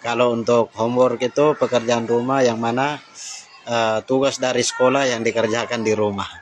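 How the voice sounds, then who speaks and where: A man's voice: medium pitch, steady tone, normal speed, low-quality recording. A man teaching an informal English lesson, talking with frequent hesitations and switching into English phrases. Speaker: English tutor.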